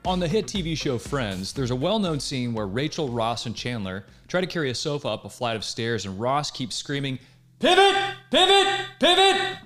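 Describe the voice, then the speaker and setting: A man narrating an industry news piece in a steady scripted read. His voice sits at a middle pitch. The delivery is upbeat and even. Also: fairly quick, hardly any pauses, faint music behind. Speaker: news reader.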